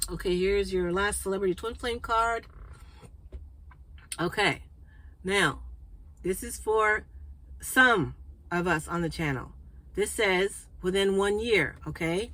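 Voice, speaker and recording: A woman hosting a spiritual card reading for her viewers, chatty and congested, clearing her throat and often checking in with "okay?". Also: mid-range voice, slow, long pauses, fairly bright tone, rough recording. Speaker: spiritual card reader and channel host.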